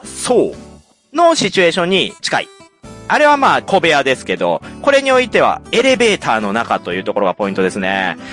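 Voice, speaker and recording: A man's voice: sits high, fairly bright tone. A man hosting a casual chat, talking with enthusiasm and some teasing. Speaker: host. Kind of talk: casual chat reviewing a game.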